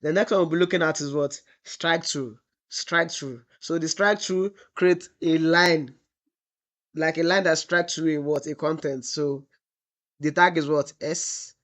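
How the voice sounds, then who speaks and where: A man teaches a screen-recorded web development class in a slightly high, a bit bright voice that stays steady and unhurried. He drawls the example text while typing, and he often asks the class "what?" only to answer it himself.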